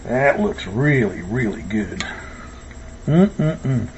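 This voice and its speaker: A home cook hosting a cooking video chats casually in his kitchen, easygoing and thinking aloud as he works. His voice is fairly low and darkish, extremely slow but lively in intonation. The distant mic makes the sound dull and echoey, with a noisy room around him.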